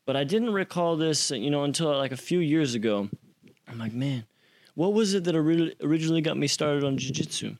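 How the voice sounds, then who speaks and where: A man's voice: a little high, expressive, fairly quick, gravelly, darkish tone. A young man casually telling a story as an interview guest, acting out quotes with slang and swearing.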